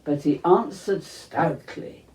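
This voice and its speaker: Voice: medium pitch, animated, takes it slowly, a little mellow. A storyteller reading scripted storybook narration in an echoing room. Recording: roomy, echoing sound.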